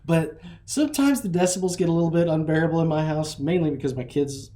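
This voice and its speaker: A man in his thirties, a podcast host telling rambling, animated stories about his kids and laughing at them. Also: a little high, fast talker. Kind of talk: casual chat.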